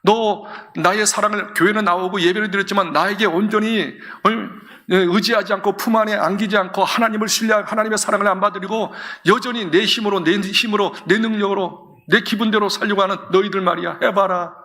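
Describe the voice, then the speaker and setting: A man voicing a gentle, forgiving old father pleading softly with his son to come home. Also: high-pitched, steady tone, fairly quick. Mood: coaxing. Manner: soft, coaxing, tender.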